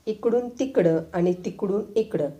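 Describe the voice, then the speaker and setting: A woman narrating a comic story aloud in a lively read-aloud storytelling manner. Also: mid-range voice, a little slow, highs cut off.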